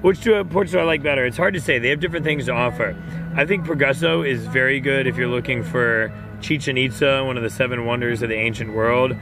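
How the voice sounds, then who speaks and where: A man's voice: medium pitch, fairly quick. An upbeat man hosting a casual question-and-answer session as a cruise director, talking conversationally. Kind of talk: casual Q&A chat, reading questions aloud. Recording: music playing behind the voice. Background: music.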